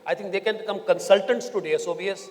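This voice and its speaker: A middle-aged man with an Indian accent giving a measured, hesitant, unscripted answer as a panelist. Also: high voice. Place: large hotel conference hall. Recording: echoey hall with long reverb.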